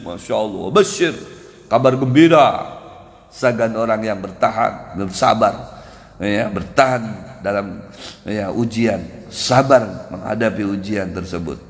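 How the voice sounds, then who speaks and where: A man's voice: fairly low pitch, a little slow. A man preaching at a dawn mosque gathering, who acts out prayers and laughs often as he speaks. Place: mosque hall. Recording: long hall reverb.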